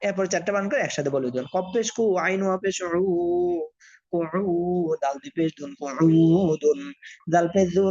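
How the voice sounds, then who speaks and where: A man from Bangladesh, teaching Quran reading by spelling letters one at a time and blending them slowly, asking his learners questions. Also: high-pitched, a little mellow. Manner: addresses learners directly, asks and answers own questions. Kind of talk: slow spelled-out recitation lesson. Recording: dull lo-fi audio.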